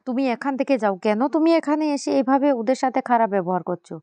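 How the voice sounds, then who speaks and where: A woman's voice: high-pitched, lively intonation, fast, mellow, no echo, voice pushed up. A young daughter who pleads earnestly with her family, as a woman narrator voices her. The sound is dry and close. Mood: pleading.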